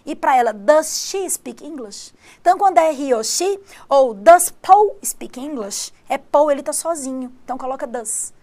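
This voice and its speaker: High-voiced woman teaching English live. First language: Portuguese. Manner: lively, explains patiently, switches between Portuguese and slow English examples. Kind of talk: live-streamed exam-prep lesson.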